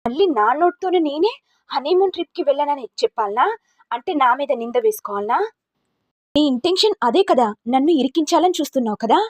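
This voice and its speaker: Woman reading as angry young husband, scornful, mocking, high voice, dry close sound. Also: expressive, a little fast, no room sound. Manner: harsh, mocking rebukes.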